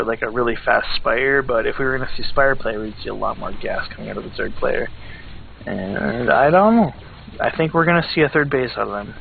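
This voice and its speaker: A man's voice: medium pitch, creaky. A man giving color commentary on a strategy game match, explaining builds and filling gaps with "like" and "uh". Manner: explanatory, leans on "like" and "uh". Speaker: esports analyst. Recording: tinny phone-like line, faint noise.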